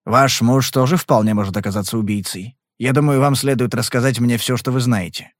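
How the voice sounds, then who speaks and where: A man voicing a calm, persistent male private detective in an audiobook, questioning in a blunt, probing way. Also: medium pitch, brisk, no echo, studio quality, lightly acted.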